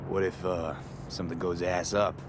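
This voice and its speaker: A man's voice: sits low, little pitch movement, normal speed, natural voice. A man playing a tough, tech-savvy streetwise mercenary in a video game, terse, dry and casual. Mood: dry, confident. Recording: faint vehicle noise behind voice.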